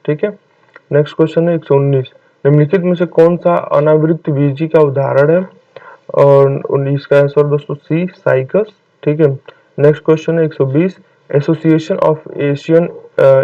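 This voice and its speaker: A man's voice: fairly high pitch, no room sound. A man tutoring for an exam, reading out quiz questions and answers and saying "okay, friends" after each one. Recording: tinny, distant phone-like mic.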